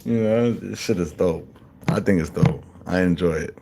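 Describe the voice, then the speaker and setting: At normal speed and with vocal fry, a man rambles through a slangy casual chat full of restarts, addressing the listener as bro. When quoting others he acts them out in a higher voice, and there is background noise.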